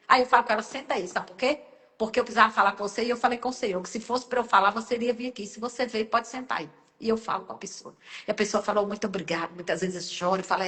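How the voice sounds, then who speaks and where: A woman's voice: high voice, pushed and bright, long reverb tail. A woman minister preaching earnestly in short emphatic phrases during a live sermon.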